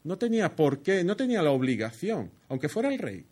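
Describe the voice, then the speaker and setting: A man's voice: on the high side, sing-song, a little fast, a little mellow. A man preaching a sermon, explaining a Bible passage with rhetorical questions and frequent "¿no?" tags. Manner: expository, asks rhetorical questions, tag "¿no?". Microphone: headset earpiece.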